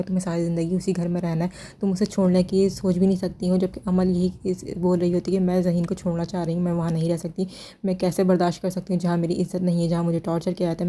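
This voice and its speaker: A woman recaps a TV drama's episodes scene by scene and adds critical remarks along the way. Her voice is very dark and mellow and sits fairly low. She keeps her delivery flat and even throughout. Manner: steady retelling of scenes with critical asides. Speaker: drama reviewer.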